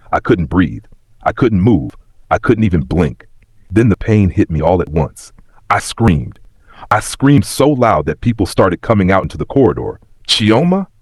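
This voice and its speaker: A man narrating a first-person family drama story with an emotional, expressive delivery. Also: sits low, husky, dry recording.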